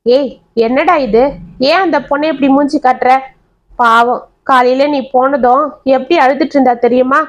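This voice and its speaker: A woman voicing an older mother who scolds her son quickly and sympathizes with her daughter-in-law. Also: high voice, fairly even intonation, muffled recording, lightly acted. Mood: chiding.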